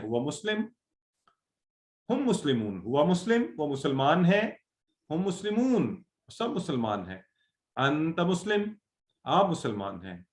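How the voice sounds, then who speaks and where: A man teaching an Arabic grammar class, patiently and encouragingly, drilling words slowly and over again. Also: a little high, reverberant.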